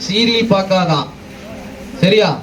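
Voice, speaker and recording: A man playing a jovial village pastor who questions people quickly in a church stage skit. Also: high-pitched, rough recording. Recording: audience crowd noise.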